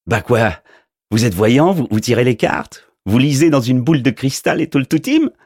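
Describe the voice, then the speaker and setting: A man's voice: medium pitch, big pitch swings, moderate pace, a little mellow, slightly rough, pitched above the performer's own voice. A man voicing a round, bald, sunburned mailman who teases and giggles in an audiobook. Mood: mocking. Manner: teasing, chuckling, nosy questions. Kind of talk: audiobook character voice.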